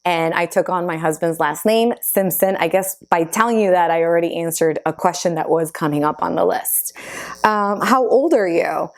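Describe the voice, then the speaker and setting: A YouTuber in her thirties from Argentina, a native Spanish speaker, answers her own get-to-know-me questions in a casual chat packed with fillers. Her voice is lowish and her pace moderate.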